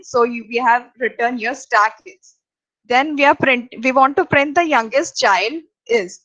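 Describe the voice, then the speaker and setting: A woman teaching programming over slides, talking in a halting way with many fillers and restarts. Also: a little high, fairly bright tone. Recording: dull lo-fi recording.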